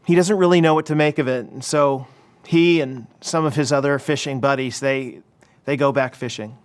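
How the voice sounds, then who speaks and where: A pastor preaching at a church service, retelling a story in a lively way with frequent restarts. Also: male voice, mid-range voice, normal speed. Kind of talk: sermon.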